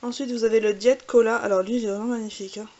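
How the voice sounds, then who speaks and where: A woman's voice: a little high, steady tone, very fast, dark tone, dull audio. A woman with a French accent, chatting casually with many fillers while showing makeup swatches. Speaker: beauty vlogger. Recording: faint hiss.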